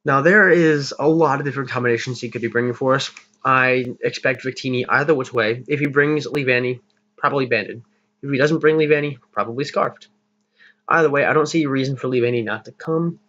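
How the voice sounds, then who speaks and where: Speaking fairly quickly in a mid-range, slightly bright voice, a young man casually walks through how he'll build his team for a league battle. He rambles, jokes at his own expense, and laughs at himself, all through a slightly dull lo-fi microphone in the style of laid-back gaming commentary.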